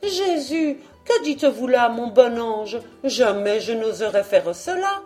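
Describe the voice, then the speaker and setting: A woman reading an audiobook, voicing a devout, timid young peasant woman with high, pleading exclamations. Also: very animated, a little slow, dark tone, faint music behind. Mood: shocked.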